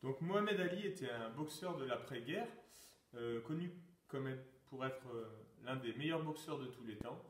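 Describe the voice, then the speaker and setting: A man's voice: mid-range voice, lively intonation, moderate pace. A man running a quiz and exercise session as a teacher, reading out answer choices and calling out the start of each exercise. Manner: announcing questions, calling out "top!" to start exercises. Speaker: sports teacher. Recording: echoey room, mic far off.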